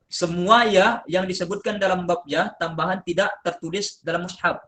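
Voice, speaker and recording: A man presenting a lesson on recitation, explaining step by step and slowly chanting drawn-out example words. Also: sits high. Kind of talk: classroom-style lesson presentation.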